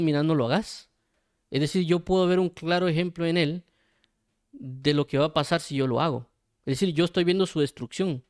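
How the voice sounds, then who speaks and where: A man giving an informal Bible commentary, talking conversationally with many pauses and acting out imagined exchanges between people. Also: fairly high pitch, clear, resonant tone, no room sound, studio quality. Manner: conversational, acts out imagined dialogues; hesitant, frequent fillers and restarts. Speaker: Bible teacher.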